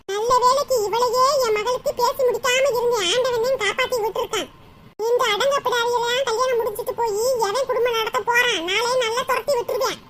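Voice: very high voice, bright, forceful tone. A voice actor playing a blunt, bossy village woman in a cartoon comedy, mocking and scolding. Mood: contemptuous.

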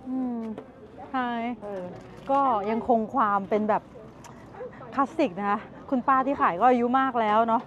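A woman's voice: on the high side, normal speed, pauses often, fairly bright tone. A woman in her thirties chatting to viewers as she tastes snacks and browses a market, filmed outdoors at arm's length. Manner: chatty, tasting and commenting, talks to viewers. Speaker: travel vlogger. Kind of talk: casual food and market vlog. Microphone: handheld camera at arm's length. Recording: muffled outdoor recording with street noise.

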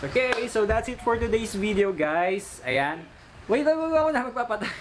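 A man in his thirties with a Filipino accent chats casually as the father hosting a family vlog, mixing Tagalog and English. His voice is high and sing-song at a fairly quick pace. He's in a small furnished living room, with background music and other noise behind him.

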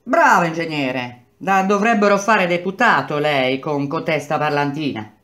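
A woman's voice: deep voice, lively intonation, normal speed, a bit bright. A woman reading aloud and voicing a male bricklayer who mocks his boss with irony. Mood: sardonic. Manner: ironic, confrontational.

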